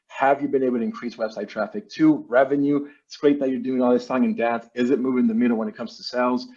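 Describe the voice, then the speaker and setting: A man's voice: mid-range voice, fairly even intonation, quick pace, darkish tone. Man presenting casually over dull online-meeting audio. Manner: casual, salesy, business jargon. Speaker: presenter, marketing agency owner. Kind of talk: informal slide presentation. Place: virtual meeting.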